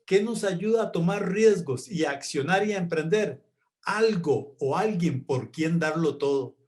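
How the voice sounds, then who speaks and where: Animated Spanish-speaking motivational speaker man. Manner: animated storyteller, voices the mother higher and the boy lower, slows for emphasis. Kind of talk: motivational talk with acted-out story.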